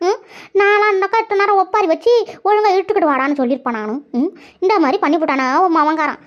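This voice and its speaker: A woman voicing a nosy, sharp-tongued old village woman in a cartoon, with a teasing, prying way of asking questions. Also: extremely high pitch, fast talker. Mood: needling. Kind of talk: cartoon voice acting. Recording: dull lo-fi recording.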